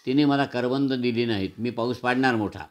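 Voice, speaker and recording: A man's voice: medium pitch, a little fast, close to an everyday voice. A man reading aloud, voicing a stubborn, boastful little boy in a storybook tale. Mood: defiant. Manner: defiant, boastful. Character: stubborn little boy who threatens rain.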